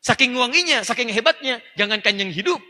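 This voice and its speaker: High-voiced, very bright male preacher in reverb. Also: lively intonation, brisk. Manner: emphatic teaching voice, addressing listeners directly; slips into fluent Arabic phrases and recitation. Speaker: Islamic preacher. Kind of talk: religious lecture. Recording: long hall reverb.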